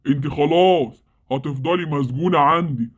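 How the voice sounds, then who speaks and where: A man's voice: fairly high pitch, moderate pace, husky. An actor with an Egyptian Arabic accent playing a menacing male sleep monster who kidnaps lazy children, scolding and gloating. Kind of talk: Roblox story series acting.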